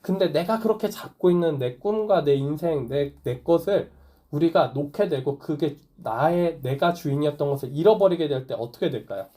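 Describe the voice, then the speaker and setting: A male pastor gives a sermon in a relaxed, conversational way. He often puts questions to his congregation. His voice sits a little high and sounds warm and mellow. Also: moderate pace. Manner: conversational preaching, asks the congregation questions, light laughs. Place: small church or online worship service.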